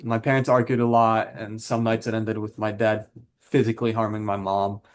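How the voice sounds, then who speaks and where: A man's voice: on the low side, level tone, moderate pace, a little hiss or hum, lightly acted. A man playing a defensive husband in a counselling role-play, talking in a plain, matter-of-fact way. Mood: subdued, reflective. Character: frustrated, defensive husband who drinks, admits anger issues.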